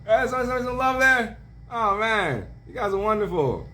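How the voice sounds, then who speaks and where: A man hosting a casual livestream, greeting viewers by name with slang shout-outs and laughing often. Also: high voice, big pitch swings, slight background noise. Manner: laughs often, drawn-out words. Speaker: livestream host.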